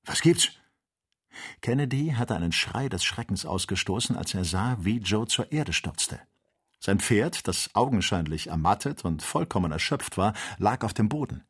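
A man reading a classic adventure novel aloud as an audiobook, in measured, even narration. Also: on the low side, slightly rough. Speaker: audiobook reader.

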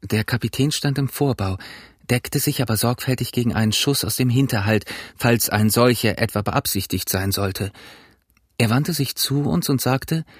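A man reading an adventure novel aloud as a first-person narrator, in measured, scripted narration. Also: mid-range voice, slightly rough, dry recording, studio quality. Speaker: audiobook narrator.

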